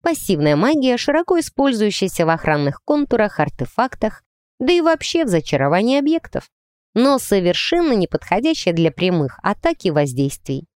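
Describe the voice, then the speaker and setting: A woman narrating a first-person novel as an audiobook, lively and ironic in her storytelling. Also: mid-range voice, no room sound, clean studio sound.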